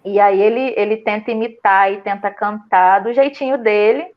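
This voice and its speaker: A woman with a Brazilian Portuguese accent telling her story in a casual interview, animated and full of fillers and restarts. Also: mid-range voice, normal speed, highs cut off. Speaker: student telling her experience.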